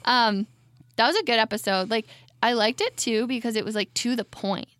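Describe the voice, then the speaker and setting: A woman in her late twenties co-hosting a casual podcast chat, relaxed and chatty with lots of fillers. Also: fairly high pitch, moderate pace, no echo. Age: 20s. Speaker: podcast co-host. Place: studio.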